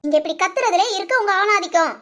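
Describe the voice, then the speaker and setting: A woman's voice: extremely high pitch, expressive, fast talker, fairly bright tone. A woman voicing a feisty, argumentative young village wife in a cartoon. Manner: argumentative, giggly, stammering. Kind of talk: cartoon voice acting.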